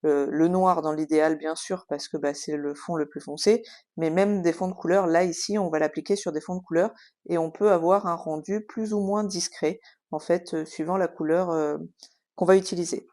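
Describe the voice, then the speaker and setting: A woman's voice: on the low side, fairly even intonation, moderate pace, darkish tone. A woman hosting a casual craft tutorial, explaining at an easy pace with frequent hesitations and filler sounds. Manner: chatty, explanatory.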